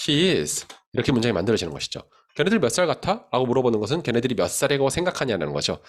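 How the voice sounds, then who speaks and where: A man giving an English grammar lesson with a lively, sing-song pitch. He explains in Korean at a steady pace and slows right down to read each English example word by word. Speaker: English teacher.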